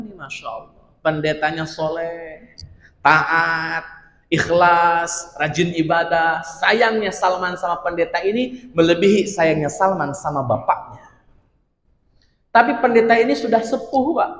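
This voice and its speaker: A man preaching an Islamic study sermon, telling stories with lively asides to his audience. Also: high-pitched. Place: large mosque hall. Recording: echoey hall reverb.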